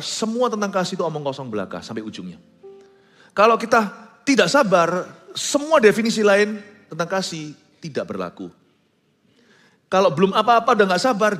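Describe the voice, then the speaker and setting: A male pastor preaches in a high, animated voice, mixing English phrases into his sermon with joking asides. His voice rings through a large hall with a long reverb, and faint music plays underneath.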